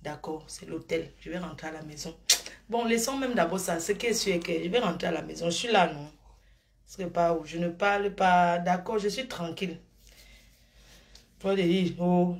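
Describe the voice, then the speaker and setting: On a live stream, a middle-aged grandmother rambles from topic to topic while showering her viewers with pet names. Her voice is fairly low in pitch.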